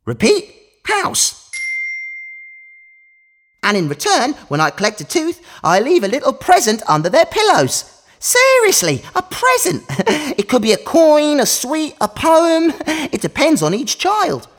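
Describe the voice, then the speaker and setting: A woman's voice: high voice, huge pitch swings, unhurried, exaggerated voice. A woman voicing a boastful, gleeful magical tooth-collecting mouse for a children's story, exclaiming and giggling like an overbright party host. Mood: excited, playful. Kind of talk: children's storytelling for a listening exercise.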